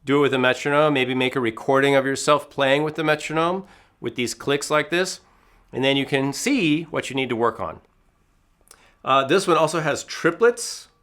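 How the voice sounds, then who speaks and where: Bright-voiced man teaching drum rhythm. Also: medium pitch, moderate pace. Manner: speaks rhythms aloud in syllables between explanations; relaxed, explanatory, thinks aloud with fillers. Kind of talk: casual video lesson.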